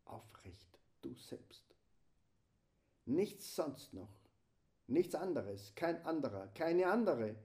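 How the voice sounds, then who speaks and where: A man delivering a slow, solemn spiritual meditation, often sinking into a hushed whisper. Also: medium pitch. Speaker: preacher.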